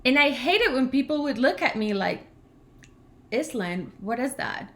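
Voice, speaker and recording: Co-hosting a language channel on a livestream, this woman in her thirties from Venezuela talks in a chatty, rambling way, laughing a lot and getting animated during rants. Spanish is her first language and she has a Venezuelan Spanish accent; her voice is high and her pace moderate.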